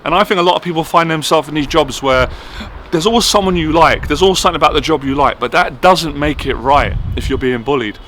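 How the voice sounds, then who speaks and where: Bright-voiced man telling a story. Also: on the high side, fast, slight background noise. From Ireland. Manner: chatty, keeps asking "right?". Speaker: vlogger sharing a personal story. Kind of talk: casual storytelling monologue.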